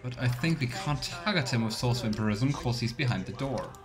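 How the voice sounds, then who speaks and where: A man streams a game, rambling casually and musing aloud in brisk, expressive Let's Play commentary. His voice sits in the mid-range, with faint game music behind him.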